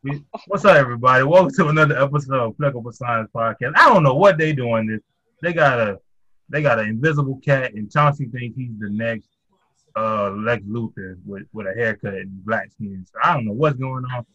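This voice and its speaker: A man's voice: mid-range voice, brisk, a bit bright, no echo, dull audio. A man hosting a podcast, chatting casually in laid-back slang. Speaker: podcast host. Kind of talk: casual chat.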